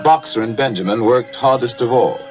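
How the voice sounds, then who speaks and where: A man acting as the grave storybook narrator of a 1950s animated fable, measured and formal. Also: medium pitch, natural voice. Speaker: film narrator. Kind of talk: 1950s scripted film narration. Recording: dull old film soundtrack with music.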